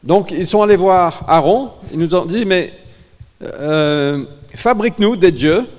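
A man preaching a sermon in short phrases that pause for an interpreter, dramatic and lively, acting out the voices of the people. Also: high-pitched, muffled recording. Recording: reverberant church hall.

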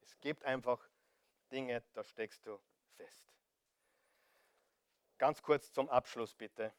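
A man's voice: mid-range voice, takes it slowly, clear, resonant tone, no room sound. A man with an Austrian accent preaching a sermon, talking directly to his listeners, asking rhetorical questions and urging them again and again to listen. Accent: Austrian German. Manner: direct, pleading, repeats appeals to listen; rhetorical questions, big swings in loudness.

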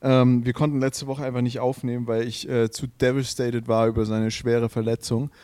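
A man's voice: mid-range voice, normal speed, smooth, dry recording. Joking male podcast co-host, dry sound. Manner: joking, swears freely, animated storytelling. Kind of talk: casual podcast chat.

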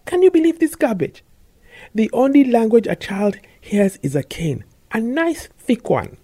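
A woman's voice: a little high, big pitch swings, measured pace, warm tone. Type: woman voicing a teasing, dramatic young woman. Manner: playful, dramatic. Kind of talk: audiobook dialogue.

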